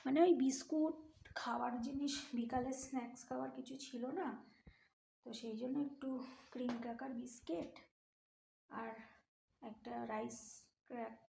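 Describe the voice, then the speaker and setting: A middle-aged woman chatting softly and rambling through a grocery haul at home at night, talking into a bluetooth earpiece. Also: high voice, fairly even intonation, moderate pace, creaky, pauses often, slight background noise. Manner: soft-spoken, rambling, chatty asides. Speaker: home vlogger. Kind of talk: casual grocery haul chat. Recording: echoey room.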